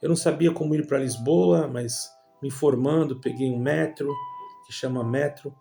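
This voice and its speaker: A man's voice: medium pitch, moderate pace, gravelly, dark tone, faint music behind. A Brazilian man with a Brazilian Portuguese accent telling a religious personal testimony, calling his listeners brothers in a rambling storytelling way. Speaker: church member giving testimony.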